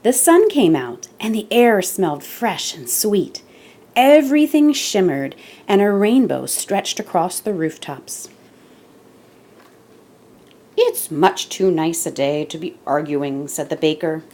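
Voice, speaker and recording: Serving as host and storyteller, a woman whose voice sits on the low side reads a children's picture book aloud with deliberate, expressive stress.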